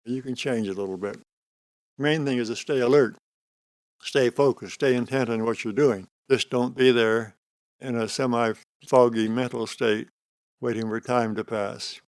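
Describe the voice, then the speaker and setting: Slow, calm, gravelly older man. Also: medium pitch, no echo, studio quality. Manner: slow, calm, deliberate delivery with pauses between short phrases. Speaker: spiritual teacher of meditation. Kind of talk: unscripted spiritual discourse on meditation.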